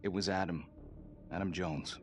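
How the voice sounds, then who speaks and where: An actor playing a desperate male death-row inmate who swings between hushed whispers and sudden shouts, in a video game cutscene. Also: sits low, steady tone, normal speed, lightly acted. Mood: confiding. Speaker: prisoner. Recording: game audio with loud background music.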